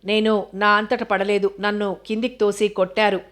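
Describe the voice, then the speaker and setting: A woman's voice: mid-range voice, little pitch movement, normal speed, fairly bright tone, natural voice. A woman voicing a frightened ten-year-old girl who is hurt but defiant, in an audiobook reading. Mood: plaintive.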